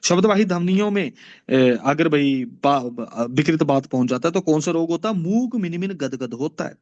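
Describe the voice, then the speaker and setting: Man, teacher, high animated voice, recites verses, asks and answers questions, dull lo-fi recording. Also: normal speed. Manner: recites Sanskrit verses then explains in mixed Hindi and English; asks the class questions and answers them himself. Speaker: Ayurveda teacher. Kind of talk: classroom lecture.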